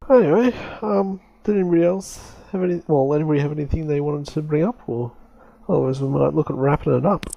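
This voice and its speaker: A man hosting a casual gaming podcast, measured and dry, steering the talk along. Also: fairly high pitch, vocal fry, lo-fi sound. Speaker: podcast host.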